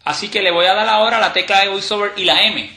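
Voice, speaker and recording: A man teaching a step-by-step tutorial in a relaxed, explanatory way, with fillers and restarts. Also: sits high, fast talker. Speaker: instructor demonstrating a screen reader. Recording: roomy echo.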